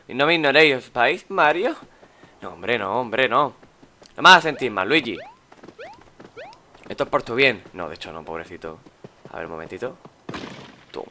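Chatty Spanish gaming commentator, bright tone. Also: male voice, lowish voice, a little hiss or hum. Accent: Spain. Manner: chatty, exclaiming, mutters while searching. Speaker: gaming YouTuber. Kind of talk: let's play commentary.

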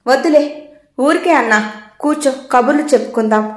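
A woman's voice: sits high, normal speed, lightly acted. A woman voicing a pushy, flirtatious male film contractor who talks in a familiar, coaxing, insistent way. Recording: echoey room.

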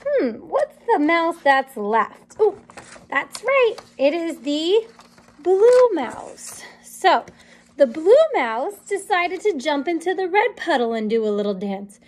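A children's story time reader in her thirties goes slowly through a picture book in a small indoor classroom or playroom. Her high, very animated voice is sing-song and encouraging, and she asks the young listeners questions as she goes.

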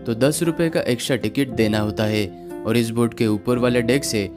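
A man narrates a travel guide in a steady, informative voice-over, his tone sitting at a middle pitch. Plucked guitar music plays clearly beneath him the whole time. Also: normal speed. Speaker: travel vlogger.

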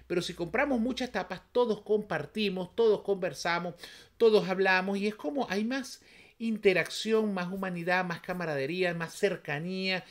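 A man's voice: sits high, normal speed, a bit bright. A man from Venezuela with a Venezuelan accent, giving casual, emphatic reaction commentary as a vlogger, full of rhetorical questions.

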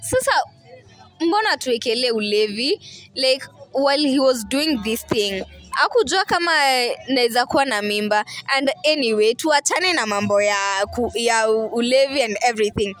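An expressive Kenyan woman in her twenties talks at a moderate pace into a handheld mic during an emotional outdoor interview. Her voice is a little high and a bit bright, faint music can be heard behind her, and she repeats herself defiantly and insistently.

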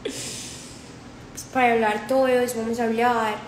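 Fairly high in pitch but flat in delivery and a little slow, a Colombian woman in her twenties with a paisa accent livestreams from her phone, held close in an indoor room. She chats casually, reads comments aloud, repeats herself and drops in English. The audio is reverberant with slight hiss or hum.

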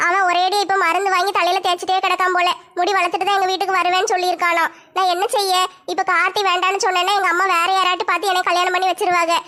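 A woman doing a squeaky, pitched-up young village woman. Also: level tone. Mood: troubled. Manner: rapid, bright, squeaky high voice. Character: young village woman, upset, fretting over marriage. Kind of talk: comic village skit.

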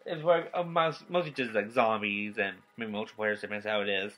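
A nineteen-year-old man giving a casual, rambling vlog update, tired and yawning, talking in halting stops and restarts. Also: lowish voice, steady tone, a bit bright, slight background noise, rough recording. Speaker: gaming YouTuber. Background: faint game soundtrack.

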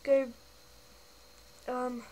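A high-pitched young woman sits at home, chatting through her viewer comments one by one. She keeps it loose and giggly. A faint background hiss stays under her voice on the camera mic. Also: completely flat delivery, drawn-out words, dark tone, rough recording. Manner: chatty, giggly, reads comments aloud and answers them. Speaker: channel host. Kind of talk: casual comment-reading vlog.

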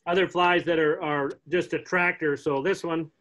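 A middle-aged man teaching a casual online fly fishing class from home, chatty and relaxed, joking with the kids as he shows flies on a webcam. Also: a little high, moderate pace. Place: home room, indoors. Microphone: laptop webcam on a video call. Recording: dull lo-fi video call audio.

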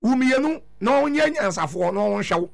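A man's voice: high-pitched, animated, normal speed, gravelly. A middle-aged Ghanaian man giving emphatic political commentary as a studio radio guest, repeating words for effect. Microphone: studio broadcast microphone.

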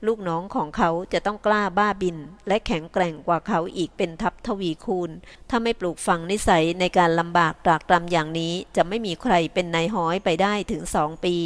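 Woman narrating an audiobook. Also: fairly low pitch. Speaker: audiobook reader.

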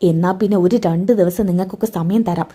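A woman's voice: on the low side, steady tone, brisk, dark tone, breathy edge. A woman voicing a scheming male villain who gives cold, commanding orders. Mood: menacing.

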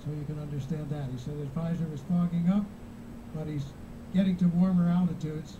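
A man's voice: on the high side, steady tone, a little fast. A man giving live event commentary on a broadcast, replayed through computer speakers. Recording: muffled, noisy re-recording off computer speakers.

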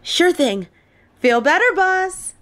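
A polite office assistant played by a woman talks at an unhurried pace in an audio role-play. She is deferential and eager to help her boss. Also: very high voice, big pitch swings, fairly bright tone, full character voice. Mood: polite, helpful. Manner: deferential, helpful.

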